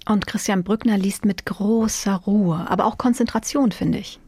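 A woman's voice: medium pitch, moderate pace, warm tone, husky, no echo. Composed female radio host, dry sound. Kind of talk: radio book talk.

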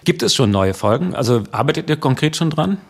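A man's voice: medium pitch, lively intonation, brisk, husky. A man hosting a radio talk show, asking friendly, leading questions into a studio microphone. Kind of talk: radio interview.

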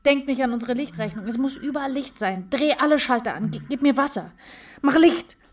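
Woman pleading in a dramatic reading, breathless, urgent, slightly high, set back from the mic. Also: quick pace, far from the mic.

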